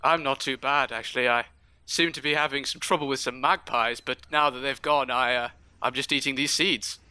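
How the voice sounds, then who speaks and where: A man's voice: mid-range voice, fairly even intonation, moderate pace, pushed and bright, clean tone, no echo. Man playing a genteel, jealous little garden bird. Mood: chummy. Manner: genteel, chummy, turns sinister. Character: small polite male garden bird, jealous schemer. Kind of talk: improv comedy scene.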